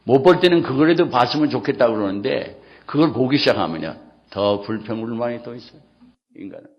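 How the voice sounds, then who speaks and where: A middle-aged man, a pastor, preaching an impassioned sermon that swings from loud exclamations to hushed near-whispers. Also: mid-range voice, animated, brisk. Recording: dull lo-fi sermon recording.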